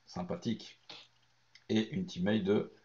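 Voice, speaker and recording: Hoarse guy w a lowish voice, excited about his cards, lots of um's, dull lo-fi audio. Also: unhurried. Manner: excited, chatty, frequent hesitations. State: hoarse, lost voice from shouting. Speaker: card collecting YouTuber. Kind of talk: unboxing commentary. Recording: dull lo-fi recording.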